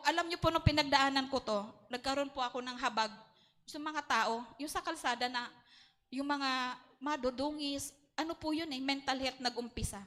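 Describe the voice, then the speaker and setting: A woman's voice: high voice, sharp tone. A woman with a Filipino accent giving an earnest prayer and testimony at a church prayer meeting, mixing Tagalog and English.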